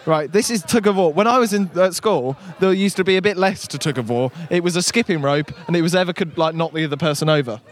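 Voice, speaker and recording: A man's voice: on the high side, fast, few pauses. A man presenting a live local radio broadcast from an outdoor village fair, chatty and upbeat.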